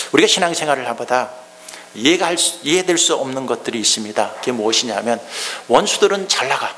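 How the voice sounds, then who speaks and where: Pastor guy preaching, repeats lines, goes loud then hushed, long church echo, faint hum. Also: mid-range voice. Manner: acts out mocking enemies in quoted speech; repeats key phrases, swings between loud and hushed. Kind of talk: sermon. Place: church sanctuary.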